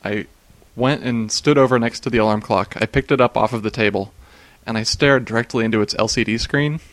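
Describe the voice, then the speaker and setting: A man's voice: medium pitch, brisk, fairly bright tone, a little hiss or hum. A man in casual chat, recounting strange dreams and often breaking into laughter. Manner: laughs often while telling, many fillers.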